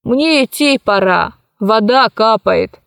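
A woman's voice: fairly high pitch, animated, gravelly, a bit bright, clear, resonant tone, no echo, studio quality, heavily acted. A woman voicing a sleepy doddering old man. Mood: drowsy. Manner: slow, mumbling, vague. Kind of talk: audiobook character voice.

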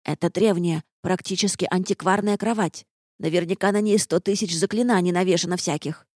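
A woman's voice: on the low side, steady tone, brisk, a little mellow, no room sound, studio quality, close to an everyday voice. A woman voicing a cheeky, fluffy male jerboa who whines and wriggles out of blame, in an audiobook. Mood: grumbling. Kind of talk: audiobook character voice.

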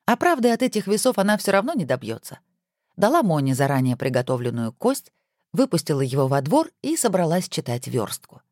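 Woman audiobook narrator, low voice, dry close sound, very expressive. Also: brisk, no room sound.

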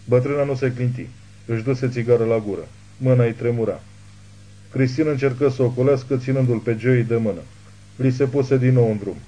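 A man reading a thriller novel aloud as an audiobook narrator, in steady scripted narration. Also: medium pitch, highs cut off.

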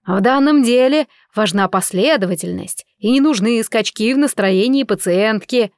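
A woman's voice: a little high, normal speed, a little mellow, no room sound, lightly acted. A woman reading a dry restrained male scientist.

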